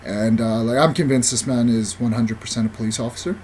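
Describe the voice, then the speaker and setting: A man leaving a voicemail to lodge a formal complaint, halting and full of hesitations. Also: mid-range voice, steady tone, background noise. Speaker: caller.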